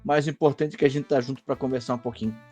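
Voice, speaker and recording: A man co-hosting a podcast in a casual chat, relaxed and teasing, with a Brazilian Portuguese accent. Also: medium pitch, racing, faint music behind. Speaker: podcast co-host.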